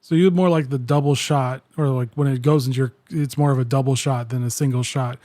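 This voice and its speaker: A man's voice: medium pitch, steady tone, a little fast, dark tone, no room sound, studio quality. A man hosting a podcast, reading a scripted-sounding intro and asking plain, direct questions. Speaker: podcast host.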